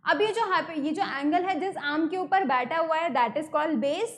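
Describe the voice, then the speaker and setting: A woman's voice: very high voice, unhurried. An Indian woman teaching an online math lesson, explaining step by step and repeating key terms, mixing English words into her talk. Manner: mixes English terms into Hindi.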